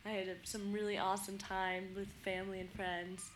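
A woman's voice: medium pitch, flat delivery, brisk, roomy sound, slight background noise. A woman hosting a podcast in casual chat. She is a little sick and laughs easily. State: slightly sick, under the weather. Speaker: podcast host.

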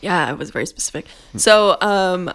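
A woman in easy, casual conversation as a podcast co-host. She giggles a lot and keeps her delivery loose and relaxed. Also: on the low side, normal speed. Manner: giggly, laughs often. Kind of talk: casual chat.

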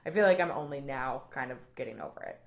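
A young adult woman comedian in a casual interview. She tells stories in an animated way, laughs often and swears now and then. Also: very deep voice, quick pace, vocal fry. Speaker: comedian, guest.

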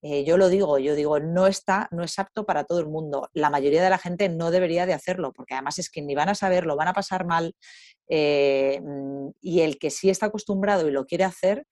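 A woman talking in an interview, a lively storyteller who acts out the voices of others. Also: deep voice, brisk, no room sound, clean studio sound. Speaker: guest. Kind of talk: conversational interview.

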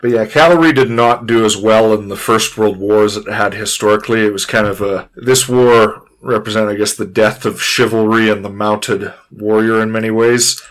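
Guy with a lowish voice talking history, pretty measured and exact, casual but informative. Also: steady tone, fairly bright tone, poor audio. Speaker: history discussion speaker.

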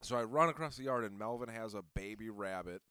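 A man's voice: lowish voice, quick pace, pushed and bright, clean tone, dry recording. A man casually co-hosting a podcast, rambling and teasing with plenty of swearing. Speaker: podcast co-host. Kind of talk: casual chat.

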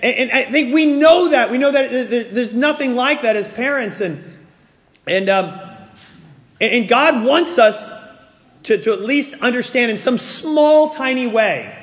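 A man preaching a sermon as pastor, animated, acting out the voices of the figures in the story. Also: very high voice. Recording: long hall reverb.

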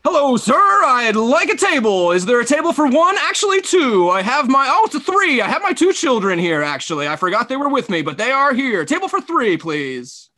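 A man's voice: extremely high pitch, very animated, fairly quick, hardly any pauses, sharp tone, voice pushed up, heavily acted. A man putting on a theatrical male sports announcer voice in a comedic role-play. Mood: grandiose. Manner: grand announcer cadence.

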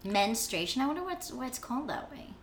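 A woman from Venezuela co-hosts a podcast in loose, playful chat, with a high voice. She swears freely, laughs often and echoes words for fun. There is faint background noise behind her. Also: sing-song, fairly quick. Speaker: podcast co-host. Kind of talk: casual chat.

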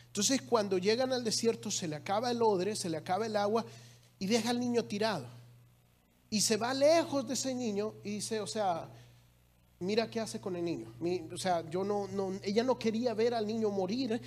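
A man's voice: sits high, moderate pace, a little mellow. Man preaching a conversational sermon. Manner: conversational preaching, emphatic rises. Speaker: pastor.

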